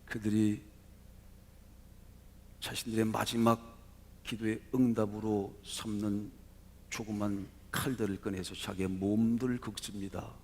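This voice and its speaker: A male pastor delivers a dramatic Sunday sermon in a low voice, building to loud peaks and then dropping to near quiet. His words carry a long reverb through the church sanctuary. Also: level tone, measured pace, long pauses. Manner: dramatic storytelling, sudden swings in loudness.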